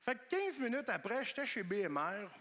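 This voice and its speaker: Animated Québécois man doing stand-up. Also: extremely high pitch, fairly quick, noisy background. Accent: Québécois French. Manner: animated storytelling, acting out voices and shouts. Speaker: stand-up comedian. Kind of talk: stand-up comedy routine. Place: large theatre stage.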